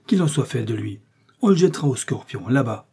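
A man's voice: expressive, brisk, a little mellow, breathy edge. A man voicing a sinister veiled gang leader. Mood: contemptuous. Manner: shrill, contemptuous.

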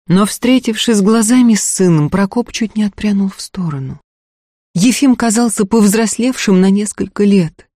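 A man narrating an audiobook in a measured storytelling voice. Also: high-pitched, dark tone, breathy edge, no room sound, clean studio sound. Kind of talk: scripted narration.

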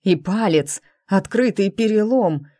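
A cheerful, brash young town policeman , as a woman reader puts him on. He talks briskly in a low voice, recorded close and dry. It is a plain audiobook rendering. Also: steady tone, a little mellow, dry recording.

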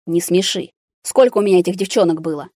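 Resentful young man stuck in a ward, sharp and loud in anger, read by a woman with a low, dry voice. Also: quick pace, dry recording, natural voice. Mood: bitter. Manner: sharp, resentful, at times shouting. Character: bitter angry young man confined to a hospital ward.

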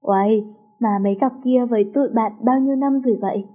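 A woman voicing a caring teenage schoolgirl best friend who chats and gently nags. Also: a little high, quick pace, narrow, tinny audio, close to an everyday voice. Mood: chatty.

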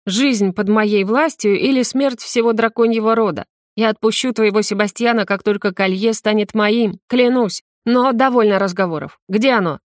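A woman's voice: mid-range voice, normal speed, dry recording, clean studio sound, lightly acted. A woman voicing a scheming, powerful female witch leader who talks down to others in a silky, condescending way.

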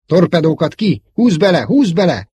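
A man voicing a bold young male rebel fighter pilot who shouts urgent commands. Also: mid-range voice, animated, slightly rough, dry recording, pitched above the performer's own voice. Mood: urgent commanding.

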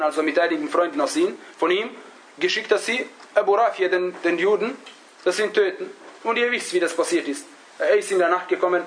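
High-voiced man teaching, halting delivery. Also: a bit bright, a little hiss or hum, rough recording. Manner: halting, searches for words, often adds a questioning "ja?". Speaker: religious teacher. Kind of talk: religious lesson, storytelling to a class.

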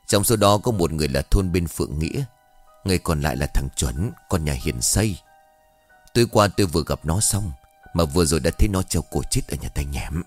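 Weary old village chief, scared but dutiful, low hushed delivery, read by the narrator, ghost-story audio. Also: male voice, expressive, a little fast, soft background music. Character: older village head, frightened but dutiful.

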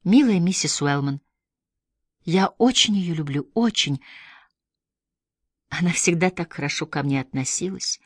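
A gentle young woman speaks quietly and earnestly, as a woman reader plays her. The voice is low-pitched for a woman and sounds dry and close. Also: a little slow, pauses often, slightly rough, dry recording. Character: gentle, tearful young woman, soft-spoken.

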